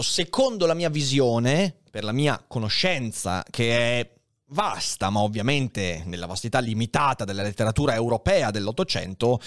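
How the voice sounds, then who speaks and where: A man hosting a literary podcast, explaining in a measured way with occasional hesitant fillers. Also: medium pitch, no echo, clean studio sound. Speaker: podcast host.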